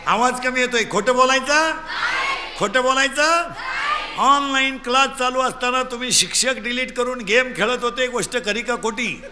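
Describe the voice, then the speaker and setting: A man from Maharashtra delivering a comic devotional sermon, loudly quizzing his audience and urging them to shout back answers. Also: very high voice, normal speed, background noise. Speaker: kirtan preacher.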